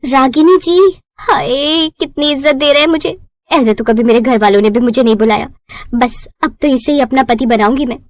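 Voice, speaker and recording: In a cartoon storybook, a cheeky young bride quips and complains in a high, bright voice, as a woman puts her on. Her sarcasm stays playful. The sound is close and dry. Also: dry recording, natural voice. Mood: delighted. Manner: quick-witted, sarcastic quips.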